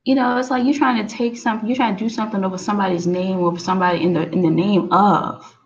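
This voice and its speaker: A woman's voice: mid-range voice, fairly even intonation, fast, lo-fi sound. A woman hosting her own show, talking in a rambling, casual monologue full of restarts and "you know"s.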